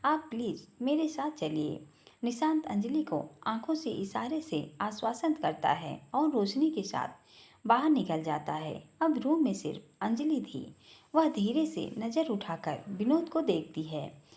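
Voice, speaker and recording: A woman storyteller narrating a scripted family drama. Her reading is expressive and dramatic, in a fairly high voice with a very lively pitch. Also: measured pace.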